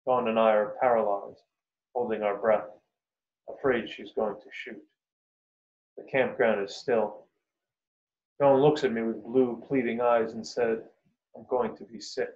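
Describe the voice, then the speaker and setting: A man, the author, reading his own first-person story in a measured, unhurried way. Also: mid-range voice, fairly even intonation, darkish tone. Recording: roomy, dull lo-fi recording.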